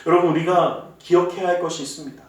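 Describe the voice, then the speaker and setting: Korean pastor preaching in an echoey hall. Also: male voice, sits high, fairly even intonation, quick pace. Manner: earnest, rising to fervent calls in prayer. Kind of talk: sermon and prayer. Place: church sanctuary. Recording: very echoey church hall, from far off.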